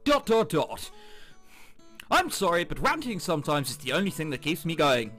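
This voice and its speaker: Sounding pushed, bright, and very animated, this man's voice sits on the high side and moves at normal speed. He switches from reading game text to his own joking, sarcastic commentary as the game's music plays behind him.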